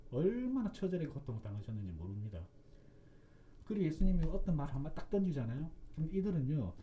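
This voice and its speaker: A man's voice: a little high, warm tone, a little hiss or hum. A man giving an impassioned preaching talk, emphatic and repetitive, full of rhetorical questions. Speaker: religious commentator.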